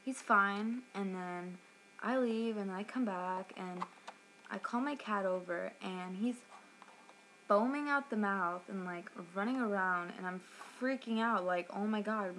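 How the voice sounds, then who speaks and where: A woman's voice: mid-range voice, slow pace, fairly bright tone, a little hiss or hum. A young woman reviewing a product in an upset, sarcastic rant, swearing as she tells what happened, at home.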